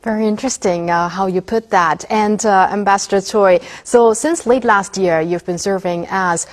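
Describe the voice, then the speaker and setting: A woman television interviewer reading a scripted introduction and asking questions in a polished, measured broadcast manner. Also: medium pitch.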